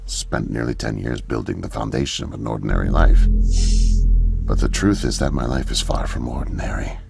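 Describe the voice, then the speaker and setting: An actor playing a middle-aged male janitor who calmly confesses he is a spy, in adventure game voice acting. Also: very deep voice, vocal fry, full character voice. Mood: grave. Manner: calm, measured confession. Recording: game audio under music.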